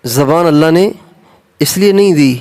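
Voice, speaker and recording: A man with a Pakistani Urdu accent preaches, raising his voice to stress each point and repeating phrases over and over. His voice sits a little higher than most men's. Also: darkish tone. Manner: repetitive, emphatic, rising for stress. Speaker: Islamic preacher. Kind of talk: sermon to women.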